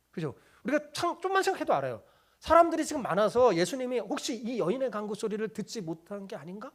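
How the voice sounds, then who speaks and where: Lively high-voiced man preaching. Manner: asks the congregation questions and answers them himself; acts out quoted voices within the sermon. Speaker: pastor. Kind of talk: sermon. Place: church sanctuary.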